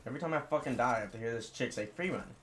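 A young man cursing his way through gameplay commentary, frustrated and bursting into loud yells. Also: medium pitch, very fast, a little hiss or hum. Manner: swearing, frustrated, bursts into yelling. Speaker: gamer.

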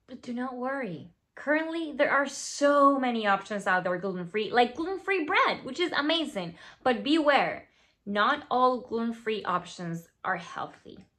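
This Venezuelan woman in her thirties, a skincare founder whose first language is Spanish, delivers a scripted talk to camera against a plain indoor studio backdrop. Her voice sits a little high and unhurried, with a Venezuelan Spanish accent. She's playful and animated, slipping into asides and whispers.

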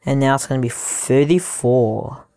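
A young man giving casual gameplay commentary into headphones used as a mic, haltingly thinking aloud as he goes. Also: mid-range voice, dark tone, clean tone, no room sound, soft background music. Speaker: gaming YouTuber.

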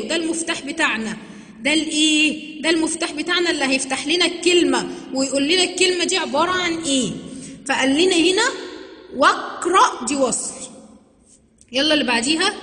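A woman teacher with an Egyptian accent explains a grammar lesson and stretches and repeats words slowly to demonstrate them. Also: high-pitched, a bit bright. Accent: Egyptian Arabic. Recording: long reverb, roomy sound.

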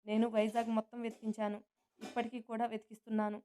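A woman's voice: a little high, completely flat delivery, fast talker, warm tone, a little hiss or hum, natural voice. A woman narrator voicing a stern young businessman who speaks seriously and issues threats.

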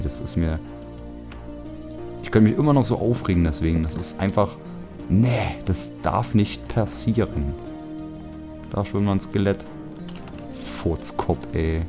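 A young man from Germany talks his way through a building game in an easygoing, rambling voice. His pitch sits very low, and he mutters jokey complaints to himself. Music plays clearly under his voice-over. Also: unhurried, pauses often. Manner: chatty, self-mocking, grumbling asides. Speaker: let's play host. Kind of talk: casual gameplay commentary.

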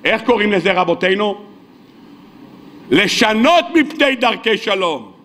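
A man delivers a weekly sermon as a rabbi, his voice pitched unusually high and tense with brightness. He tells stories with animation, slipping into the characters' dialogue and turning to his listeners with questions. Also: lively intonation. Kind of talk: sermon with storytelling.

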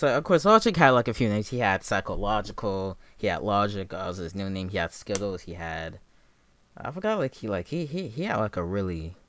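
Hyped young frat-bro with swooping pitch. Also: male voice, no room sound. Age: young adult. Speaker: music reaction video maker. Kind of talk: excited casual reaction commentary.

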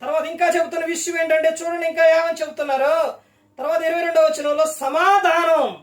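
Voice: very high-pitched, level tone, a little fast, reverberant, recorded from a distance. A preacher giving a sermon, firing rhetorical questions at the listener.

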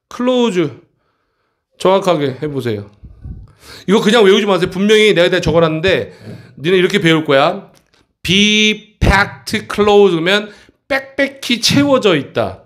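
A man teaching an English textbook passage to middle school students in a classroom, often checking in with quick questions. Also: high-pitched.

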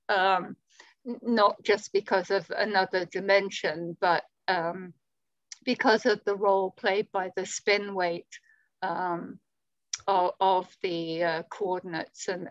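A woman's voice: medium pitch, steady tone, unhurried, no room sound. A woman answering questions after her talk on a video call, hesitant with many fillers. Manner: hesitant, many "um" and repeated words. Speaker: conference speaker answering questions. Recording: dull, muffled video call audio.

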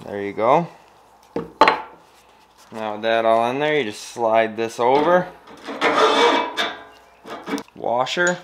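A man in his thirties vlogs a casual, step-by-step explanation of trailer assembly in his home garage. He has a medium-pitched voice, takes it slowly, and pauses often, with the garage recording noisy.

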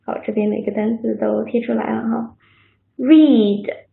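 A woman's voice: on the high side, completely flat delivery, a little fast, gravelly. A woman teaching an English vocabulary lesson on a video call, encouraging and praising her students and drilling words by repetition. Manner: drills words by repeating them. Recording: tinny phone-like line, echoey room.

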